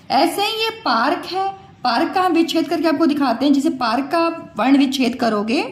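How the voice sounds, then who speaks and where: Slow, lively-voiced Hindi teacher woman. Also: sits high. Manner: slow, repeats words and asks the class questions. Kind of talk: patient classroom explanation to children. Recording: echoey room.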